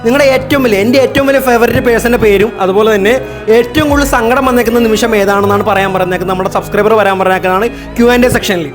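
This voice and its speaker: Young man, twenties, vlogger, emotional storytelling, high voice, very fast. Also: soft background music. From Kerala. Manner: emotional, animated personal storytelling. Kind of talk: Q&A storytelling vlog.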